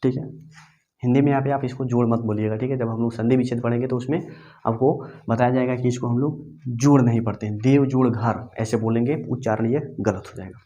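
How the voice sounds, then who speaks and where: A man gives a grammar lesson in an even, mid-pitched voice, the way a teacher talks at the board. He poses a question, then answers it himself, and spells out definitions slowly so they can be copied down. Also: dull audio. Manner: repeats questions to students and answers them himself; dictates slowly for note-taking.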